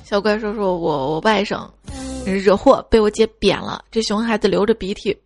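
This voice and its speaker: A woman's voice: mid-range voice, normal speed, music in the background. A woman hosting a show of funny stories about children, reading them in a playful way and putting on childlike voices for the kids. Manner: playful, slips into childlike voices for kids' lines. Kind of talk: radio-style comic storytelling.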